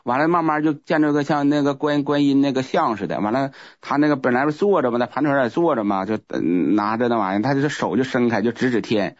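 Fast-talking man. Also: medium pitch, dry recording. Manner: rambling, repeats words, restarts often. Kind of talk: casual spoken testimony. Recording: muffled lo-fi recording.

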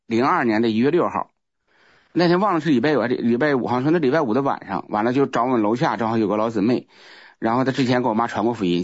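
Fast-talking man. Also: medium pitch, no echo. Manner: rambling, repeats words, restarts often. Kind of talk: casual spoken testimony. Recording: muffled lo-fi recording.

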